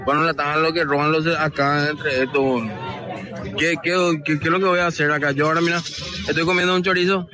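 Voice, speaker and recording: A man's voice: a little high, steady tone, fast talker, a crowd in the background. A man with a Paraguayan Spanish accent, a football fan stopped outdoors by a stadium, complaining indignantly and rambling into a reporter's microphone.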